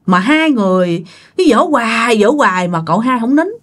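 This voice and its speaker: A woman's voice: a little high, animated, normal speed. A woman with a Southern Vietnamese accent telling a ghost story casually, talking straight to her listeners. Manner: chatty, addressing listeners directly.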